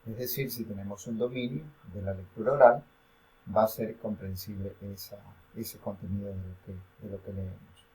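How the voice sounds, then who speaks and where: A man's voice: fairly low pitch, steady tone, moderate pace, darkish tone, rough recording. A male university lecturer explaining reading and intonation, with frequent fillers and self-corrections. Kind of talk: recorded academic lecture.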